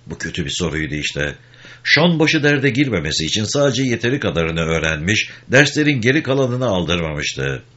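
A man narrating an audiobook with expressive storytelling. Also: low-pitched. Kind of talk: scripted narration. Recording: dull lo-fi recording.

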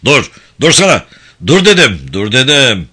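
This is a volatile male prison director, put on by a reader in a spoken story. He blusters and threatens in a bright, lively voice that swings up and down. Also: medium pitch, normal speed. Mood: raging.

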